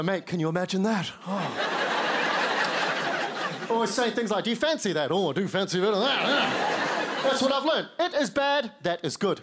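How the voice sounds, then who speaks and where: On a big TV studio stage, a New Zealand man with a high voice performs stand-up into a handheld mic. His humor is dry and self-deprecating, and he drops into lower voices to act out quotes. Studio audience laughter and noise can be heard around him.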